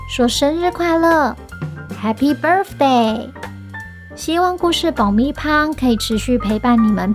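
A woman with a Taiwanese accent speaks in a high voice, as if reading to a toddler. She talks straight to little listeners as a children's storytelling host. Music plays behind her. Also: darkish tone.

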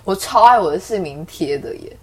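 A woman's voice: mid-range voice, a little fast, far from the mic, crowd noise. A young woman with a Taiwanese Mandarin accent, gushing and laughing in a casual podcast chat. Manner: expressive, gushing, laughs often. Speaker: podcast co-host. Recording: set back from the mic with faint room noise.

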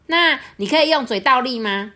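Mom doing a cheeky little storybook crow. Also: female voice, sits high, lively intonation, normal speed, pitched above the performer's own voice. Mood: curious. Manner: bright, teasing questions.

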